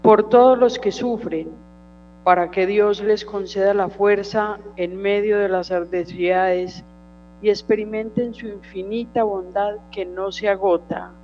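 A woman reads prayer petitions at Mass in a formal, measured way. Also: medium pitch, fairly even intonation, soft background music. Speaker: reader of intercessions at Mass. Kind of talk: liturgical reading of prayer petitions. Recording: dull lo-fi sound with mains hum.

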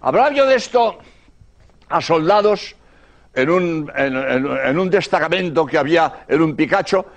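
Older male priest; high, animated delivery in a sermon talk. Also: measured pace. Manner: lively storytelling, repeats prayers softly. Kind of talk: radio-style sermon talk.

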